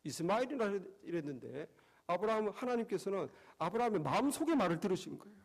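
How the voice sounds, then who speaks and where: A pastor preaching a sermon in church, emphatic and repetitive, often asking rhetorical questions. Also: male voice, high voice, very animated, fast, vocal fry.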